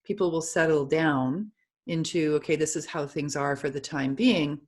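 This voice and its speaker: A woman with a fairly low voice chats casually on a video call. She is middle-aged, agreeable and laughs often, keeping the talk flowing. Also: normal speed, darkish tone. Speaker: co-host of essential oils show.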